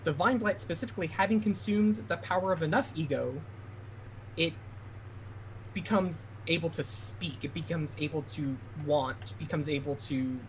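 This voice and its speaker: A man's voice: fairly high pitch, normal speed, a little hiss or hum, rough recording. A man running a tabletop game as game master, narrating scenes and explaining them to players.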